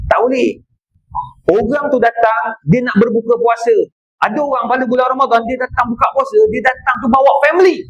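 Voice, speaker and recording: Husky high-voiced Malaysian preacher. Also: male voice, fast, muffled recording. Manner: animated, joking storyteller, acts out people. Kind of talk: mosque religious lecture. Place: mosque.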